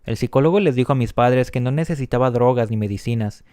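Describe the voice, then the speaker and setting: Calm man reading a novel aloud. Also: medium pitch, dry recording. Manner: calm, measured reading with light quoted voices. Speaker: audiobook reader. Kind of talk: audiobook narration.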